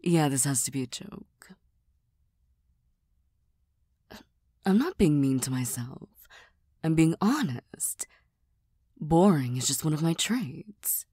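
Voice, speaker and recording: A woman playing a tired, serious young cat girl who doubts herself, in a soft, breathy ASMR role-play with a deadpan, gently teasing manner. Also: low voice, unhurried, dry recording, clean studio sound, exaggerated voice. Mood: self-deprecating, hesitant.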